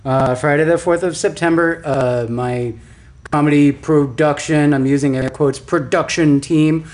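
A man's voice: a little high, fairly even intonation, unhurried, darkish tone. A man, a comedian guest, joking around and giggling in a casual podcast chat.

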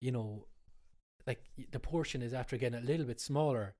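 A man's voice: mid-range voice, brisk, mellow. Congested Cork Irishman, stuffy with a cold. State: has a cold. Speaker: cook and cookery class instructor, guest. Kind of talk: casual conversational interview.

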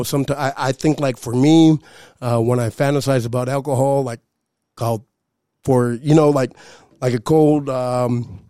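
A man with a relaxed, mellow voice delivers an informal podcast monologue. He talks straight to the listeners in a loose, rambling, reflective way. His voice sits in a middle register, recorded close and dry. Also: medium pitch, dry recording. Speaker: podcast co-host giving a recorded segment.

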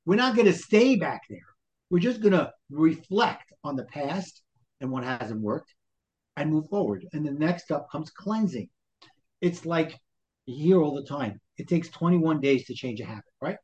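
A male life coach and podcast guest from Brooklyn, New York, speaks with a Brooklyn accent in a fairly high, slightly mellow voice. His conversational interview explanations are motivational, full of rhetorical questions and acted-out self-talk, and the sound is lo-fi.

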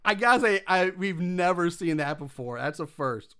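Chatty man with a high bright voice. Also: animated, normal speed, clean tone. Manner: chatty, laughs often, swears casually, many fillers. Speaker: podcast co-host recapping a movie. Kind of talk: casual movie recap chat.

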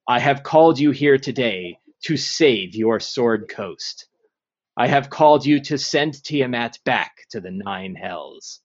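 A man voicing a solemn undead lich lord, muffled recording. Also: medium pitch. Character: formal undead lich wizard ruler, grave and calculating.

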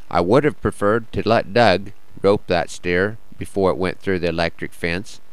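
An American man with a slightly rough, worn-out morning voice, hosting a radio show with wry, understated folksy storytelling and verse. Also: deep voice, no room sound, low-quality recording. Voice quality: a little rough and croaky. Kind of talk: scripted folksy monologue with cowboy poetry.

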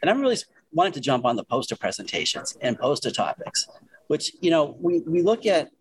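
A man's voice: a little high, sing-song, fairly quick, poor audio. A man with a Worcester, Massachusetts accent talking in a casual panel discussion and asking the others questions.

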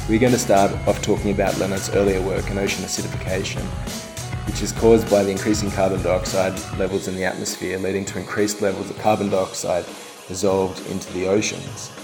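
An Australian man hosting a science show, presenting a scripted introduction in a bright, curious way. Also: low-pitched. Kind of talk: radio or podcast interview, scripted introduction. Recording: roomy echo, music behind the voice.

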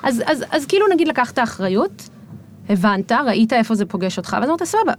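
A woman's voice: on the high side, very animated, a little hiss or hum. A woman guest on a podcast, talking casually and reflectively, with many fillers as she thinks aloud.

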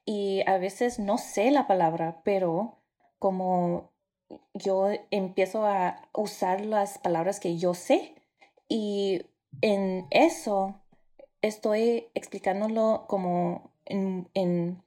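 An American woman, a native English speaker, chatting casually in halting Spanish mixed with English. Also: mid-range voice, fairly even intonation, warm tone. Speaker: dental professional. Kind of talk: casual conversation.

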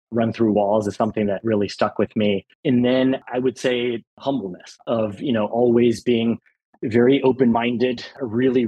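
On a rough recording, a man from El Salvador with a low, darkish, slightly rough voice speaks as a guest on an interview podcast. He's a private equity partner, earnest and enthusiastic, who keeps coming back to the word "really."

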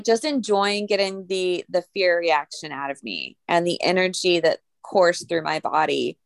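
Gravelly-voiced woman telling a chatty story. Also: on the low side, dry recording. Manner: chatty storytelling with fillers and laughs. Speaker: podcast co-host. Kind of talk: casual chat.

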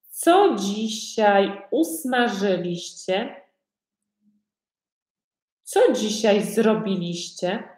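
Very slow-speaking woman teaching. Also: mid-range voice, darkish tone. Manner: asks learners many simple repeated questions. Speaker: Polish language teacher. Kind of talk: slow repetitive language lesson. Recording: echoey room.

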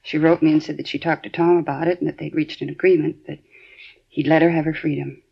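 In an earnest 1950s radio drama, an actress plays an anxious middle-aged housewife worriedly telling police what she knows as a witness. Her full character voice sits low, with a flat, fast delivery, vocal fry and a breathy edge, heard over a dull 1950s broadcast.

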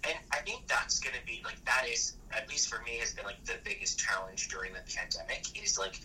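Guy in his early 30s, super bright sound, kinda far from the mic w/ faint hiss. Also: mid-range voice, a little fast. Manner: chatty, animated storyteller with frequent "like". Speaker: actor and photographer. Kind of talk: casual conversation.

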